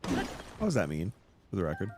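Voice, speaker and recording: A man's voice: low-pitched, wildly swooping pitch, fairly quick, music in the background. A man hosting a let's play, giving casual, teasing commentary as he plays. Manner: playful, teasing, wry asides.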